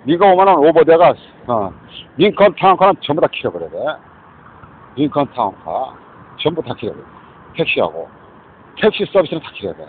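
A man from South Korea talks on and on in a disjointed, repetitive monologue. His pitch sits in the middle but leaps around animatedly. The sound is narrow and tinny, like a phone line, with a faint hiss behind him. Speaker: vlogger. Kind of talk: rambling spoken monologue.

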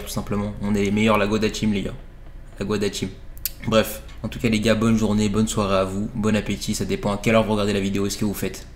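A man hosting his own video channel, wrapping up the video in a relaxed way and talking to viewers as "les gars". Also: fairly low pitch, slight background noise. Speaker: YouTuber host. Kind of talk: casual video outro.

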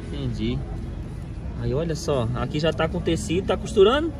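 A man's voice: on the high side, sing-song, moderate pace, over music. A man, chatting upbeat to his phone camera and asking market sellers about prices. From Brazil. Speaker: vlogger. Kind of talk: casual vlog and market haggling. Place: inside a parked car, then an outdoor street market. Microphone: phone camera held at arm's length. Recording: loud street noise behind.

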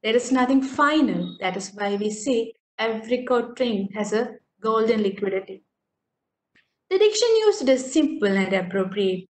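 A woman's voice: on the high side, animated, normal speed, slight background noise. A woman lecturer with an Indian English accent, patiently explaining poetry and often checking that students follow. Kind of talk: online literature lecture. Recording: echoey room.

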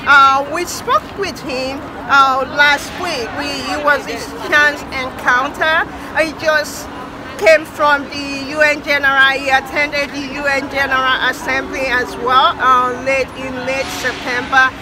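A middle-aged woman hosts an unscripted news segment, her voice pitched high. She talks haltingly, filling gaps with "uh." Park crowds and passing cars are clearly heard around her. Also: level tone. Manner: hesitant, many fillers. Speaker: news host and interviewer. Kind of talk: unscripted news wrap and interview. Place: outdoors in a busy city park. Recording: outdoor park with crowd and traffic noise.

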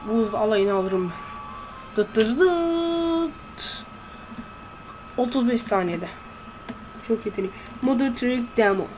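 A woman giving let's-play commentary in a hushed voice, blurting excitable reactions and slang while playing. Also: medium pitch, moderate pace, background noise. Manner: talking in a hushed voice. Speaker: gameplay commentator. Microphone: close to a desk microphone.

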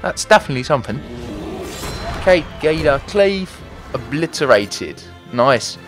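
A man's voice: on the high side, big pitch swings, unhurried, fairly bright tone, soft background music. A man hosting a let's play video, chatting, thinking aloud, and joking at his own expense as he plays. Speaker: gaming video host.

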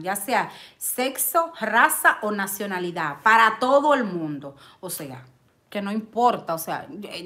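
A middle-aged woman chatting on a live stream, reading viewer comments with lots of excited exclamations and loud laughter. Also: fairly high pitch. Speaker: vlogger hosting a live stream.

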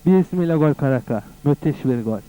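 A man commentates live on an amateur football match in a fairly high voice. He gets excited as he calls the play, exclaiming goals and repeating short phrases again and again. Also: fairly quick, clean tone, dry recording, low-quality recording.

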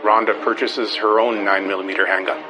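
A man reading scripted true-crime narration in a flat, steady voice. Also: fairly low pitch, fairly quick, music in the background, poor audio. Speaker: documentary narrator.

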